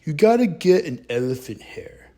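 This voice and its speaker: A man's voice: a little high, very animated, moderate pace, dark tone, voice pushed up. A man voicing a snarky young female gorilla in a retold cartoon, with a teasing, offhand way of talking.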